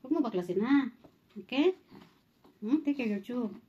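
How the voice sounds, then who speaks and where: A woman's voice: a little high, lively intonation, moderate pace, lo-fi sound. A young mother, soothing and pleading with her baby in a casual home vlog, near tears at times. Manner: soothing, pleading, tearful at times, praying under her breath. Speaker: mother of a premature baby, vlogger. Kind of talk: casual vlog talk while caring for a baby. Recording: noisy home phone recording.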